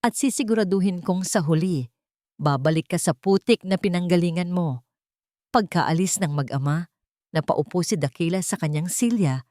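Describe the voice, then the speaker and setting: With a Filipino accent, a woman narrates a scripted dramatic story. Her voice is lowish and darkish, recorded at studio quality with no room sound.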